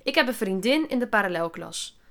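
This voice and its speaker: A woman's voice: mid-range voice, animated, brisk, a bit bright. A woman voicing a bold, chirpy schoolgirl who talks eagerly.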